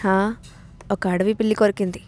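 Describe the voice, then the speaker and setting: A woman's voice: medium pitch, level tone, moderate pace, a little mellow, close to an everyday voice. A woman voicing a sarcastic, irritable young husband in a storybook reading, speaking in short, curt replies. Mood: curt, irritated.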